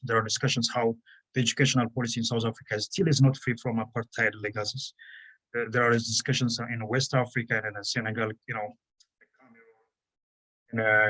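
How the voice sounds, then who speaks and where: A man from Ethiopia, giving an academic conference presentation in a halting way, often pausing on "you know" and restarting his phrases. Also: mid-range voice, fairly bright tone, poor audio. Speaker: conference panelist.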